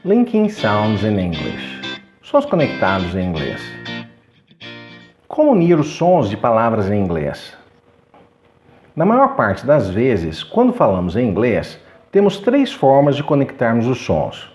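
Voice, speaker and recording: A man with a Brazilian Portuguese accent teaching English pronunciation, explaining clearly and slowing down to model the sounds. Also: mid-range voice, huge pitch swings, a little mellow, soft background music. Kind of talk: scripted lesson.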